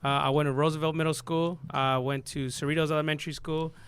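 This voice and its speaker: A man's voice: on the high side, little pitch movement, fast talker, fairly bright tone, clean tone. A young man from Southern California, a guest DJ, telling his story in a loose, rambling, slang-filled way. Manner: laid-back, rambling, lots of fillers and slang. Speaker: podcast guest, DJ. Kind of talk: casual storytelling chat.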